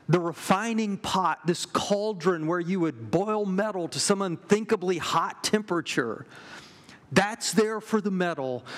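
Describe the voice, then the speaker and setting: A middle-aged man preaching a sermon, earnest and measured, pausing and restarting now and then. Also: sits high. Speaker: pastor.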